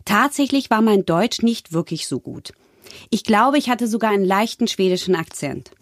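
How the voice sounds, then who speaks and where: A Swedish-born voice actress chatting casually in an interview, telling animated anecdotes about her work. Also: mid-range voice, normal speed, no room sound, studio quality. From Sweden. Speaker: voice actress guest. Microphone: studio microphone.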